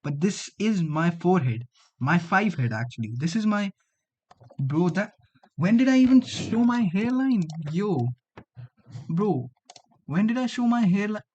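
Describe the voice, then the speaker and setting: This livestream host is a twenties student coder from Delhi with an Indian accent and Hindi as his native tongue, joking with viewers in slang and frequently saying "bro." He sounds high-pitched and very animated, at a measured pace with long pauses, in a darkish tone with the highs cut off.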